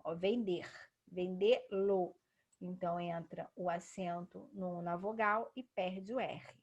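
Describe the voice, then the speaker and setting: A woman's voice: on the low side, steady tone, a little slow, slightly rough, highs cut off. A woman with a Brazilian Portuguese accent giving a patient classroom grammar lesson, often checking in with tag questions. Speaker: teacher.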